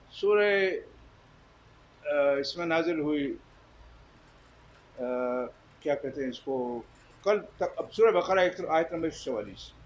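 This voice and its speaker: A man's voice: high voice, slight background noise, poor audio. A man preaching a sermon, emphatic and questioning his listeners directly. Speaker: Islamic preacher. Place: Jeddah.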